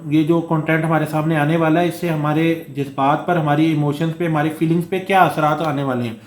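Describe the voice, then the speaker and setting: A man's voice: on the high side, fairly even intonation, brisk, slight background noise. Coughing male instructor in an echoey room. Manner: explains with frequent "theek hai" check-ins and fillers. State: short of breath, coughing at times. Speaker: course instructor. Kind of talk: Hindustani lecture mixed with read-out English.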